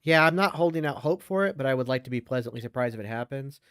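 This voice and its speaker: A man joining a casual podcast chat as a guest, giving measured, agreeable opinions. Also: medium pitch, expressive, a bit bright, smooth, no room sound, studio quality.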